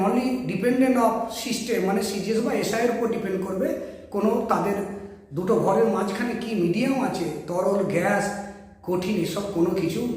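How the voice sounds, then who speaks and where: A male physics teacher, explaining a lesson step by step and speaking directly to his students. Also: high-pitched. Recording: very echoey room.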